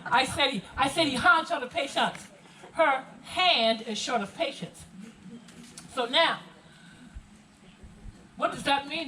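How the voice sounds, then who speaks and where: A woman with a Gullah Geechee Low Country accent giving an animated, rhythmic heritage presentation to visitors, leading call-and-response. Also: far from the mic, a little hiss or hum, poor audio. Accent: Gullah Geechee, South Carolina Low Country. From coastal South Carolina. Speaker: cultural presenter.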